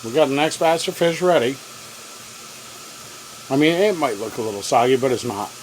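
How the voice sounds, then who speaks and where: A cooking vlogger with a drawl narrates his own home cooking in a folksy, easygoing, chatty way, sometimes with his mouth full. His pitch is an ordinary middle, with lively intonation at normal speed. In his cramped camper kitchen with a propane cooker, frying and boiling hiss clearly behind him in this low-quality casual vlog recording.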